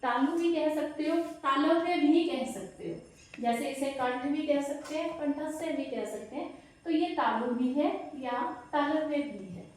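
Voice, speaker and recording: A woman teaching an exam-prep grammar lesson, explaining slowly and asking and answering her own questions. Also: sits high. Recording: very echoey room, distant mic.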